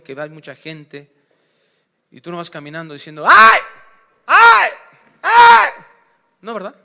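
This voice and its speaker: A man preaching a sermon as pastor, acting out little scenes and swinging from hushed to loud. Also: a little high. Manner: animated preaching, acts out dialogue, swings from hushed to shouting.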